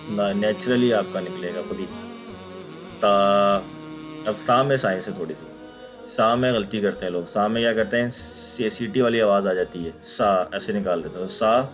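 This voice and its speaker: Patient man teaching letter sounds. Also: on the low side. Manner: slow, patient explanation, repeating each letter sound aloud. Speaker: Quran recitation teacher. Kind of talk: recorded online lesson with screen pointer.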